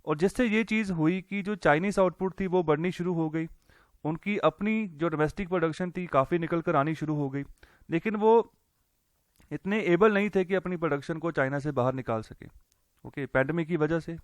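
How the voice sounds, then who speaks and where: A man's voice: a little high, moderate pace, no echo. A man teaching economics in a casual lecture, walking through a newspaper editorial in a conversational way, with lots of fillers and English terms mixed in.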